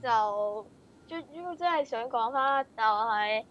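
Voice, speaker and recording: A woman's voice: fairly high pitch, animated, slow, a bit bright, highs cut off. A young woman with a Hong Kong Cantonese accent, chatting casually and playfully as the host of a challenge vlog, using plenty of informal slang. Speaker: video host.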